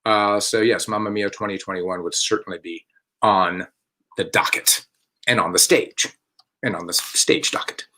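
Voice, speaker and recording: A man with a fairly low voice hosts a relaxed online talk from home. He wanders off track, stops to correct himself and chuckles along the way. His delivery is loose and unscripted. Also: moderate pace. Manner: rambling and self-correcting, with chuckles. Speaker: artistic director hosting a theater company's online chat. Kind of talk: casual live-stream chat.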